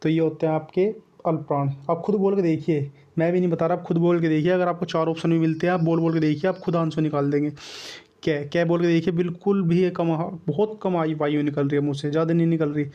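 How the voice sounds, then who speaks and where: A man's voice: fairly high pitch, steady tone, quick pace, mellow, lo-fi sound. A young man teaching an exam-prep grammar lesson, repeating points and sounding out letters over and over. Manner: repetitive, coaxing, drills sounds aloud.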